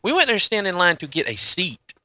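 Very bright, forceful man, dry sound. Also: high-pitched, wildly swooping pitch, brisk, no room sound. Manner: rambling, full of asides. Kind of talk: casual storytelling chat.

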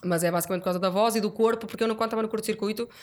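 A young woman with a regional European Portuguese accent, not a Lisbon one, chatting casually and telling stories in animated slang as a podcast guest. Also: mid-range voice, very fast. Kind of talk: casual chat.

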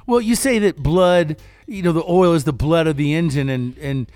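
An energetic male podcast host with a somewhat high voice talks up his guest in casual chat. He sounds close and dry on the mic, with faint music in the background. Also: moderate pace, dry recording. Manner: energetic, hypes the guest with sing-song show intros.

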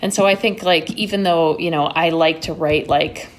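A woman novelist raised in New York, chatting as a guest in a halting way, with frequent restarts and fillers. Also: deep voice, steady tone. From Connecticut-born, raised in New York. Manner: halting, restarts, many "like" and "you know" fillers. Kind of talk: casual conversation.

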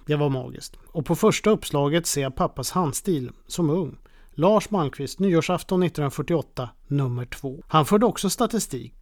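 A man's voice: on the high side, a little mellow, no room sound, studio quality. A man in his fifties hosting a podcast, narrating wistful, reflective memories in a scripted way. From Sweden. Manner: wistful, nostalgic. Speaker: podcast host.

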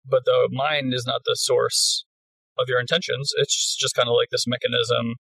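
A man talks loosely as a podcast co-host, his voice arriving over a remote call that keeps breaking up and cutting out. He sits back from the mic, and the sound is dry and slightly husky. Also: mid-range voice, level tone, moderate pace, pushed and bright, dry recording, far from the mic, rough recording. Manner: loose, filler-heavy talk, reads a quote aloud. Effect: call audio breaking up and cutting out. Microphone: remote call connection.

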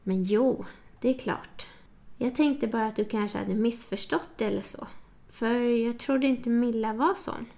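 A woman's voice: fairly high pitch, gravelly, dark tone. A woman voicing Klara, a cautious young woman who asks hesitant, probing questions, in an audiobook. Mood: doubtful.

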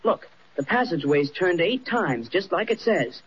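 An actor playing an eager, bold young male cub reporter who speaks in excited exclamations, in 1940s radio acting on an old recording. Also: sits high, moderate pace, crowd noise. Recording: dull old radio recording, faint hiss.

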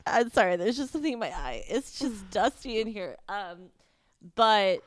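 A woman's voice: medium pitch, sing-song, moderate pace, dry recording, clean studio sound. A woman in her thirties co-hosting a podcast, rambling and self-deprecating in casual chat, peppered with "like". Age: 30s. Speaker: podcast co-host.

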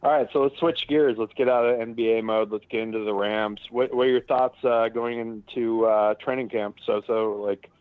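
A man's voice: medium pitch, fairly even intonation, moderate pace, few pauses, smooth, no room sound. A male podcast host asking questions in a casual, joking way. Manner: asks questions, playful, joking. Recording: dry phone-like audio.

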